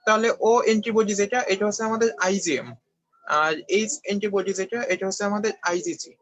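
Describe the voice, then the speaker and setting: Fast, high-voiced young man lecturing. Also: fairly bright tone, no room sound. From Bangladesh. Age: young adult. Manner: explanatory, frequent check-ins asking if students follow. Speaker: medical student tutor. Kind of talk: online review lecture. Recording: dull, slightly lo-fi dry recording.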